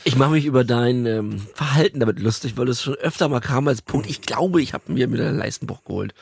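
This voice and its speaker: A man's voice: mid-range voice, quick pace, vocal fry, a little mellow, slightly rough, no echo. A man co-hosting a podcast, hesitant with many fillers and a teasing manner. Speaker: podcast co-host. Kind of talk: casual chat.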